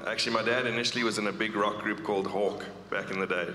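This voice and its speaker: A man's voice: fairly low pitch, steady tone, quick pace, big-room sound, noisy background. A South African man, a guest musician, telling stories in a casual onstage interview at a church, joking as he goes. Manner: joking, storytelling. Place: church hall.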